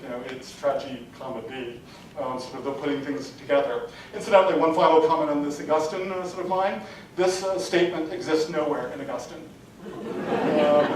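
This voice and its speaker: A man giving an adult-education lecture, rambling and full of "sort of, you know" fillers. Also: a little mellow. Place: lecture hall. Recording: distant mic in a very echoey room with faint rumble.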